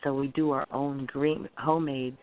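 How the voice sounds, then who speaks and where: The speaker, a middle-aged restaurant owner from Guyana, uses a level tone at medium pitch and normal speed. Answering interview questions in a friendly, chatty way, they explain dishes at length with fillers, on a tinny phone-like recording with faint hiss.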